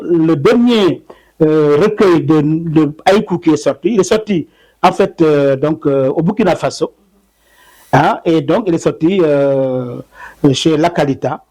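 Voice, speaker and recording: Hesitant, higher-pitched man poet. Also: a little mellow, poor audio. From Senegal. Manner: hesitant, many fillers and repeated words, counts syllables aloud. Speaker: poet, interview guest. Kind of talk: conversational interview answers.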